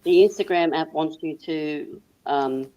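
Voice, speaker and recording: A woman's voice: low-pitched, measured pace, mellow, low-quality recording. An Australian woman joining a live-stream chat as a guest, apologetic and a bit unsure. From Sydney.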